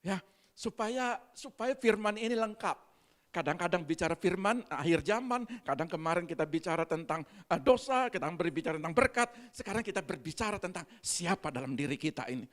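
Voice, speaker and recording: A woman preacher, giving an animated sermon and putting questions to the congregation. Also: fairly low pitch, brisk.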